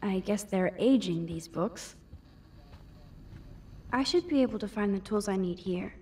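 A woman voicing a shy eighteen-year-old photography student, musing quietly to herself in a video game, heard from a distance with soft music behind. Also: mid-range voice, animated, measured pace, close to an everyday voice. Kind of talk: video game inner monologue.

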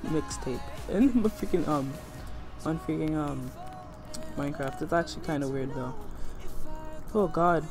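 Young male gaming host, higher-pitched, slangy and boastful rambling commentary over clearly audible music. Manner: rambling, slangy, self-hyping. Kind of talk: casual gameplay commentary.

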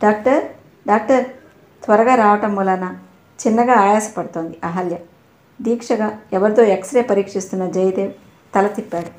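A woman narrating an audio novel in steady storytelling. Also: mid-range voice, moderate pace, roomy sound.

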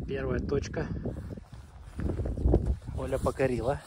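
A man's voice: mid-range voice, level tone, slow. Man vlogging on a windy desert hike. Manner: chatty, narrating to camera while walking. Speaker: family vlogger. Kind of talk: casual hiking vlog. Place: outdoors in a windy desert canyon. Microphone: camera held at arm's length. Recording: wind and outdoor noise behind.

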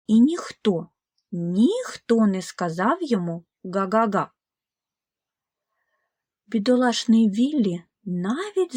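A woman narrating a children's audiobook fairy tale in a slow, gentle, expressive way. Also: mid-range voice, husky, no room sound, studio quality. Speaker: storyteller.

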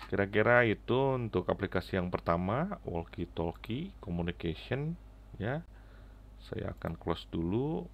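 Here a middle-aged tutorial presenter, low-voiced, expressive and fry-tinged, explains an app in halting steps through a headset mic, frequently adding "ya." Keyboard clicks sound from his indoor computer setup, and the recording is slightly dull and lo-fi.

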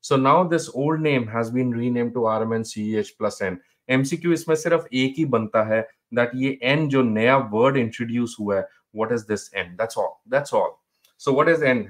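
A man's voice: mid-range voice, fairly bright tone. A middle-aged man with a North Indian accent, teaching a live online exam review in a mix of English and Hindi, encouraging students and often repeating his phrases.

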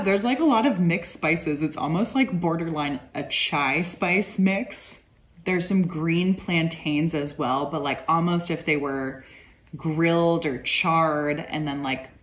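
A woman with a low voice talks through rum tasting notes in a relaxed vlog. She is chatty and keeps filling gaps with "like". There is a faint hiss behind her. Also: rough recording. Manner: chatty, lots of "like" fillers. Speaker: rum reviewer. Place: indoor room at home.

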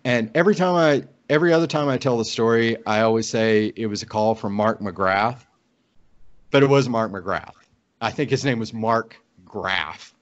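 A middle-aged man from Oklahoma in the United States speaks at a normal speed in a fairly low voice. He's a podcast guest on a video call from an indoor room, casually telling a personal story. The audio is dull and lo-fi, typical of a video call.

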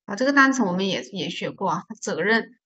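Woman, vocabulary teacher; steady mid-pitched voice, patient, drills each word by repetition. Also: a little fast, husky, highs cut off. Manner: patient, repeats words to drill pronunciation; explains stress and silent letters step by step. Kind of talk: online vocabulary lesson.

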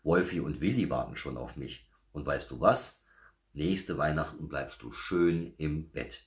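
A jolly, kindly old Father Christmas from a children's story, speaking softly and warmly, as a man puts him on. The voice is extremely deep and gentle. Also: unhurried. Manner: warm, hushed and friendly.

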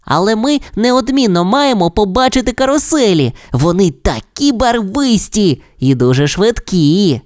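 A narrator voicing an excitable little male corgi puppy in a storybook, asking eager, high questions. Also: moderate pace, hardly any pauses, dry recording, clean studio sound, close to an everyday voice. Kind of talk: storybook character voice.

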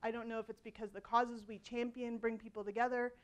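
A woman in her forties speaks from a conference stage through a headset mic, her voice sitting a little high. She talks in a loose, conversational way, full of ums and restarts, with a self-deprecating humor. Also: flat delivery, a little fast. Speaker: keynote speaker. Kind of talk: conference keynote talk. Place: large conference hall stage.

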